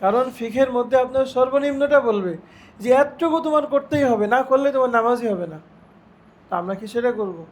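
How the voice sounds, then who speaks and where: Guy with a high voice teaching a religion class, asks his students questions, recites arabic lines slow. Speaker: Islamic teacher. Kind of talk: religious lesson lecture.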